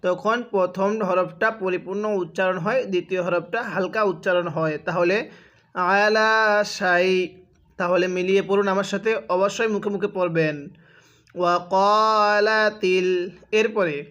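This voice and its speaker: A man with a Bangladeshi Bengali accent teaching Quran reading, drawing out each word slowly and asking students to repeat after him. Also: sits high, steady tone, muffled recording. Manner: slow, drawn-out syllable-by-syllable recitation for students to repeat. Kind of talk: recitation lesson.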